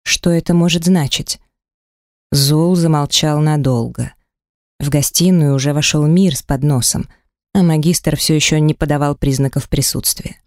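An audiobook narrator giving a measured, steady first-person studio reading. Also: mid-range voice, dry recording.

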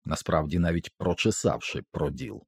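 A man narrating an audiobook with a tense, expressive dramatic reading. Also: sits low, normal speed, creaky, breathy edge, no echo, studio quality.

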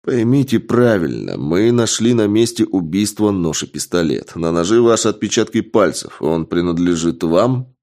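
Man playing a gruff, weary police investigator. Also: low-pitched, animated, moderate pace, hardly any pauses, a little mellow. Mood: stern. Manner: stern, gruff questioning. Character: tired, irritated middle-aged male police investigator. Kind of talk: audiobook character voice.

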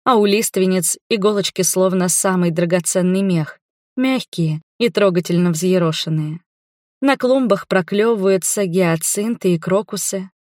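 A woman narrates a first-person novel as an audiobook, voicing the different characters in the dialogue. Her voice is fairly low and darkish at a moderate pace, captured in a dry, studio-quality recording.

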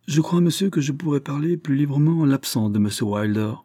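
A man's voice: on the high side, expressive, fairly quick, warm tone, pitched above the performer's own voice. A man voicing a cool, exacting detective who speaks with cold precision in an audiobook reading. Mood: insistent.

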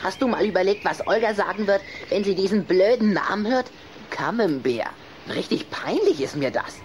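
Woman doing a snotty lil vampire boy, hot tempered n dramatic, real animated, noisy old radio play. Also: medium pitch, normal speed, natural voice. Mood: indignant. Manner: theatrical, scornful, indignant. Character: touchy, hot-tempered little boy vampire, sly and sulky. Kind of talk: German children's radio play acting.

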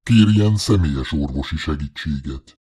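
Casting: man as cold medical machine, very deep, husky, flat clipped delivery. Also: heavily acted. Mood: flat, mechanical.

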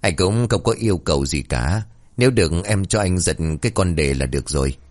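A crude, cocky young ghost hunter voiced by a man bosses people around with mocking swagger. His voice sits deep. It swings widely as he scolds and teases. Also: expressive, fairly quick. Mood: coaxing.

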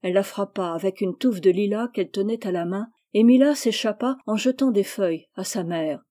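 A woman reading a classic novel aloud in a measured, unhurried way. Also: mid-range voice, warm tone. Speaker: audiobook reader. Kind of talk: scripted literary narration.

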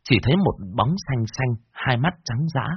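A man telling a horror story with vivid, expressive narration. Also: mid-range voice, normal speed, breathy edge, dry recording, lo-fi sound.

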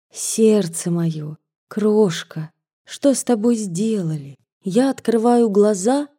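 Woman reading a story in a mellow voice. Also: medium pitch. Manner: measured, softly expressive reading. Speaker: audiobook reader. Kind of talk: storybook narration.

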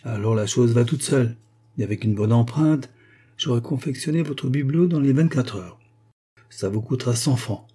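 A man reading an audiobook and voicing a hoarse, cynical male street thug who talks slangy and boastful. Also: mid-range voice, moderate pace, dark tone, pitched above the performer's own voice. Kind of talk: audiobook character voice.

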